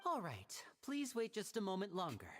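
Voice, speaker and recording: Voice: medium pitch, wildly swooping pitch, normal speed. A voice actor playing a theatrical young male stage magician in a video game, a showy and welcoming showman. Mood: gracious showman. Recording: game audio with faint hiss and long reverb.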